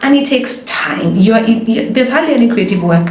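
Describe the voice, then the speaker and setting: A woman's voice: on the high side, lively intonation, normal speed. A woman, a lawyer and voice-over artist, giving emphatic, passionate advice in a casual conversation. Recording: roomy echo.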